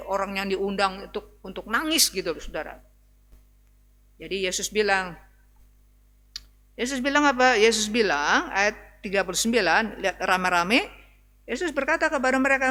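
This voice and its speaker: A woman pastor delivers a sermon in a casual, conversational manner and keeps turning to speak to her congregation. Her voice is bright and somewhat high. The sound carries a long reverb from the church hall. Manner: conversational preaching, often addressing the congregation as brothers and sisters.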